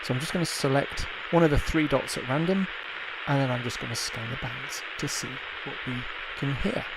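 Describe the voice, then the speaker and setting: Loud ambient music plays under this man's medium-pitched voice, making the background very noisy. A livestream host and hobbyist developer, he talks a little fast during a casual demo, thinking out loud without a script and repeating himself often.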